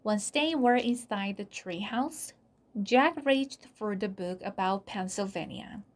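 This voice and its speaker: A woman whose first language is Korean, reading a children's chapter book aloud in a soft, deliberate storytelling manner. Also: mid-range voice, expressive. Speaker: storybook reader.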